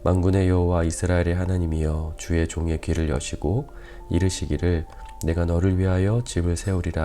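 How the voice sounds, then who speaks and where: A male pastor with a weakened, quiet voice, leading an early-morning prayer service and reading scripture slowly and deliberately, with many "ah" pauses. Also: low voice. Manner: measured, careful enunciation with frequent "ah" pauses. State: weak, quiet voice.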